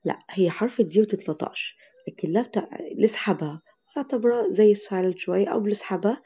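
Mellow-voiced Egyptian woman teacher. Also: mid-range voice, husky. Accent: Egyptian Arabic. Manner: slow, drawn-out model pronunciation of English words. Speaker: English teacher. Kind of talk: online lesson for parents.

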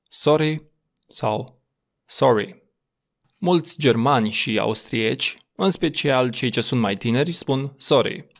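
Man slowly spelling out lesson phrases. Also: medium pitch. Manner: slow, deliberate enunciation of example phrases. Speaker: language teacher. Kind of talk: recorded language lesson.

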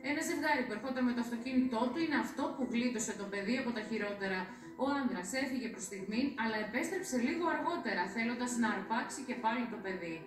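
Woman news reporter, formal scripted read, mic a bit distant. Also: fairly high pitch. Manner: steady formal reading. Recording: echoey, distant.

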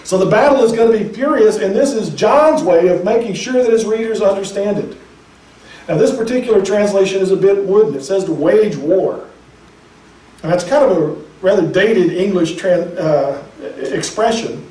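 A man's voice: high-pitched, normal speed, mellow. Man, pastor, sermon, emphatic conversational preaching, echoey room, distant mic.

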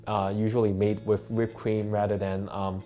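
A young adult from Hong Kong, a student who also works in a bakery, is interviewed for a documentary indoors in the bakery kitchen. A native Cantonese speaker, he answers thoughtfully with many fillers, his fairly low, dark voice flat at a normal speed.

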